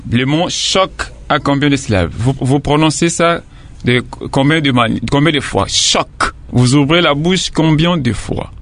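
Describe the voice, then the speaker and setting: A man's voice: a little high, moderate pace. A man teaching a lesson, patiently repeating and sounding out syllables one by one. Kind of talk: classroom lesson explanation.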